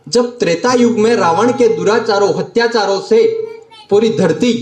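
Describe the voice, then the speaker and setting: A man's voice: high voice, moderate pace, darkish tone. A young man in his late teens, a student debater giving a formal speech, declaiming and repeating phrases for emphasis. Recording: roomy echo.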